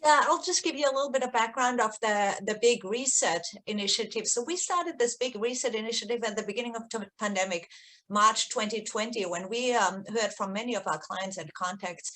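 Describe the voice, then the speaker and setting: A middle-aged research executive from Austria, a native German speaker with an Austrian accent, explains things conversationally as an interview guest. Her voice is slightly high, a bit fast and fairly bright.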